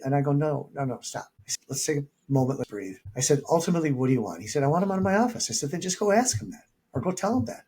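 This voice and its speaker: A man speaks as a leadership coach in a relaxed interview. His voice is mellow and a little husky, and he tells stories animatedly, voicing the people in them. The talk is conversational and unscripted. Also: medium pitch. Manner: animated, acts out quoted dialogue in anecdotes.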